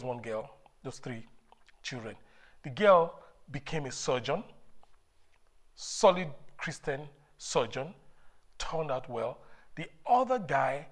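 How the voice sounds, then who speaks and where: Fervent woman preacher, emphatic and repetitive. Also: rumbling low. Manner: rhetorical questions answered by the preacher.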